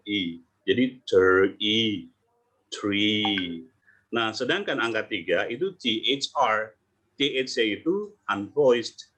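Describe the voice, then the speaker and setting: Guy teaching pronunciation online, sounds out letters, video call mic, mid voice. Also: mid-range voice. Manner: lively, demonstrating sounds aloud. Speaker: English pronunciation coach.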